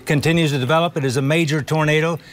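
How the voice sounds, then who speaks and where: A man's voice: a little high, steady tone, fast. A man anchoring live emergency weather coverage, giving directions and repeating phrases as he thinks aloud. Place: TV studio.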